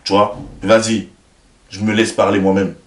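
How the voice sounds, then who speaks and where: A young man with a French accent, a YouTuber telling stories in a casual, slangy, animated way and talking straight to the viewer. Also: lowish voice, moderate pace, recorded from a distance, slight background noise. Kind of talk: casual storytelling to camera. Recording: roomy, away from the mic, faint music.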